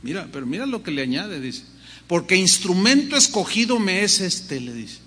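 A man preaching, bright and high in pitch. He acts out small dialogues with lively voices. His voice rings with a long hall reverb. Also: normal speed, slightly rough. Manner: animated, acts out voices of God and believers. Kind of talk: sermon.

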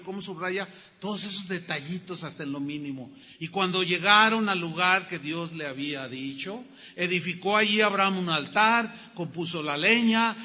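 A man's voice: sits high, bright, forceful tone. A man preaching a sermon who retells Bible stories and emphatically repeats his key words. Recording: reverberant hall, dull lo-fi sound.

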